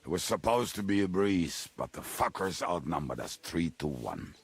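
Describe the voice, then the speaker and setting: An actor playing a bitter, gruff henchman in a video game, heavily drunk, with a gravelly voice. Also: deep voice, sing-song, moderate pace, heavily acted. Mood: bitter, defensive. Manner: blackout drunk, slack drunken speech. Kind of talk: video game dialogue acting.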